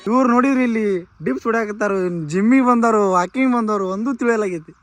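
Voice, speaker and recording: A man voicing a teasing young friend in quick, mocking banter. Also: very high voice, faint music behind, pitched above the performer's own voice.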